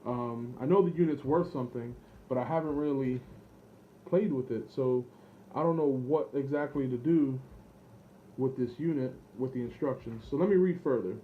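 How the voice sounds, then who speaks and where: An online seller demonstrating vintage electronics thinks aloud through an unscripted demo, hesitant, rambling and doubting himself. His voice is medium-pitched at a moderate pace, captured in dull lo-fi camera audio with background noise.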